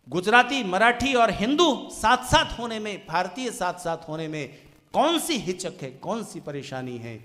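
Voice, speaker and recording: A male preacher with a high, bright voice delivers an impassioned sermon. He swings from ringing declarations to hushed, slowed phrases. His words trail off into a long reverb in a large hall. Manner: impassioned oratory, swinging from loud declarations to hushed, drawn-out lines. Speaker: Arya Samaj preacher. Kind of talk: Hindi sermon on national pride.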